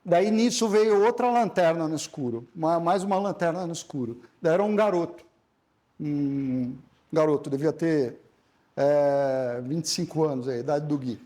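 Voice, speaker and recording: A Brazilian man giving a corporate talk, telling a travel story in a halting way with many fillers and restarts. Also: a little high, warm tone. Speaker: corporate speaker. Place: stage at a corporate event.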